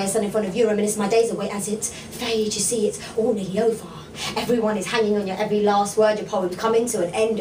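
Woman, young, spoken word poet, high pitched, rhythmic rhyming delivery, echoey bar stage, distant mic. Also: background noise. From England. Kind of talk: performed spoken word poetry. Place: small bar lounge stage. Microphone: stand mic on stage, recorded from the room. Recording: echoey bar room from far off.

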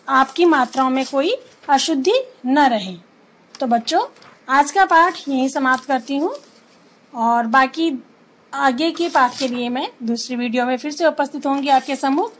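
Lady teacher going thru examples one by one for kids, high voice, takes her time. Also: a bit bright, poor audio. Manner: slow, clear, listing examples one by one. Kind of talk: online grammar lesson for children.

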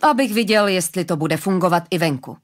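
A woman reading an audiobook, voicing a brash, blustering male scriver chief who curses loudly. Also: on the low side, lightly acted. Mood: chatty. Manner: loud, coarse cursing.

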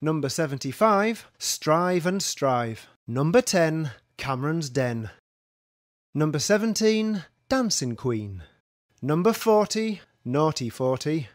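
A man's voice: a little high, big pitch swings, slow pace, no echo, clean studio sound. A man calling bingo numbers, each one followed by its traditional rhyme in a sing-song manner. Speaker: bingo caller.

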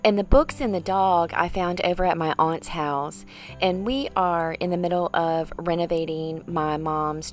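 Middle-aged woman presenting a room makeover. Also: lowish voice. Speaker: home decor vlogger, host. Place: bedroom, indoors, for the on-camera part.

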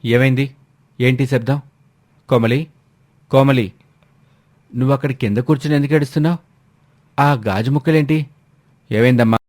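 A man's voice: mid-range voice, steady tone, moderate pace, long pauses, darkish tone, lightly acted. A man voicing an angry young husband who questions in a stern, demanding way. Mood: worried.

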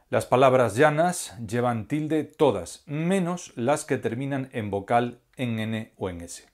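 A man giving a scripted grammar lesson as a teacher, speaking slowly and deliberately and spelling out syllables one by one. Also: mid-range voice. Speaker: language teacher.

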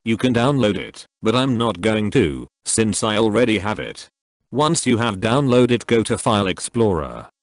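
A man's voice: on the low side, very animated, moderate pace, no room sound. A computer-generated male voice reading a scripted tutorial narration. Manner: text-to-speech voice reading a script.

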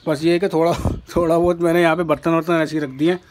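Filmed on a handheld phone, this casual vlog features a bird keeper narrating his rooftop chores to viewers, chatty and friendly, as he moves between the outdoor kitchen and bird pens. His voice is fairly high and a little mellow, with little pitch movement and a fast pace. Rooftop noise fills the recording.

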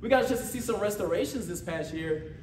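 Recorded at a distance in an echoey church meeting room with faint background noise, this American man preaches fast, with a high pitch and lively intonation. His motivational sermon is informal and conversational, full of repeated phrases and checks that the responding congregation agrees.

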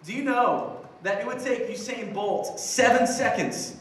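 A young Filipino youth pastor gives a sermon on a church stage with band gear, talking into a handheld mic in an upbeat, chatty way full of fillers and restarts. His voice is high, expressive, bright, and a little slow. It's captured from a distance in an echoey room.

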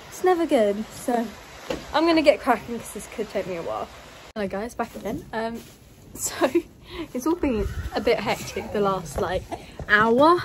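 A woman's voice: a little high, noisy background. A young woman, chatting upbeat and rambling in a vlog, filmed on a phone held at arm's length at a stable yard. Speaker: equestrian vlogger. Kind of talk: casual vlog chat. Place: stable yard, outdoors and in a horse lorry.

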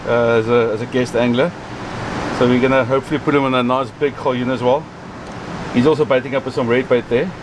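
Speaking fast at a medium pitch, a South African man in his forties shows how to fish from an open beach near the surf. He keeps it relaxed and practical, saying "so" and "okay" a lot. Heavy surf and wind noise dominate, with waves breaking in the background.

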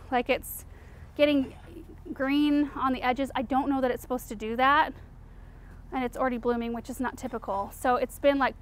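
High-voiced chatty woman touring her garden. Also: fairly bright tone. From Eastern Oregon, US. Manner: chatty, enthusiastic, lots of fillers like "um" and "like". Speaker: garden show host. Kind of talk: casual garden tour walkthrough. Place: outdoor home garden.

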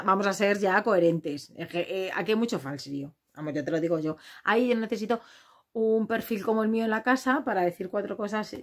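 A woman from Spain talks casually about a reality show in a blunt, outspoken way. She swears freely and quickly slips into mimicking the people she talks about. Her voice sits at an ordinary middle pitch for a woman. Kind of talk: casual gossip commentary.

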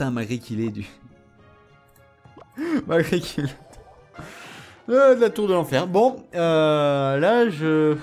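A man giving animated gameplay commentary, teasing and self-mocking, often laughing and bursting into excited shouts. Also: a little high. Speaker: gamer commenting his own matches.

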